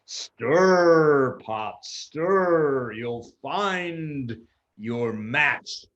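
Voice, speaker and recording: Storybook villain: wicked old magician played by a man, menacing, very slow sing-song chanting, dull lo-fi recording. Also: mid-range voice, expressive, a bit bright. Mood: menacing, gloating.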